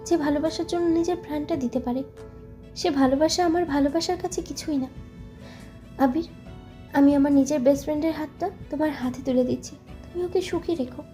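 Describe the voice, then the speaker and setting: A woman's voice: high-pitched, fairly quick, mellow, soft background music, lightly acted. A woman voicing Mimi, an emotional, anxious young woman, in an audio story. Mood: tearful.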